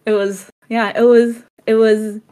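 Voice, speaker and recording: A woman's voice: fairly high pitch, level tone, measured pace, warm tone, clean tone. Reflective woman, laughing between thoughts. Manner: reflective, laughs often, many restarts. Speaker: podcast co-host. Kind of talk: casual conversation.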